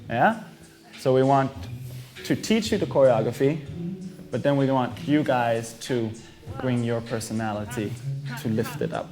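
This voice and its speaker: A man's voice: mid-range voice, unhurried, darkish tone, faint music behind. A male choreographer explaining his workshop to students in an encouraging, instructive way.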